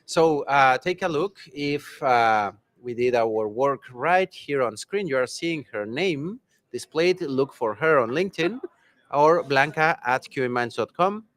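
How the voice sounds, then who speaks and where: A man's voice: medium pitch, expressive, unhurried, a bit bright. A man interviewing a guest at a conference in a casual, upbeat, promotional way.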